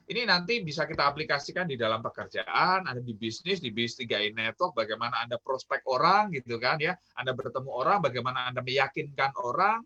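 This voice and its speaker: An Indonesian business trainer gives a casual online talk about communication, chatting along with lots of fillers like "ya" and "gitu kan" and tossing questions to his audience. His voice is fairly high, pushed, and bright, and the audio sounds dull.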